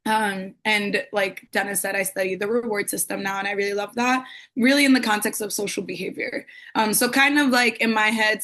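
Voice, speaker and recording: A woman's voice: medium pitch, a bit bright. A young woman from New York City, a PhD student, introducing herself casually on a video call, chatty with lots of fillers and getting over a cold. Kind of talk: casual webinar self-introduction.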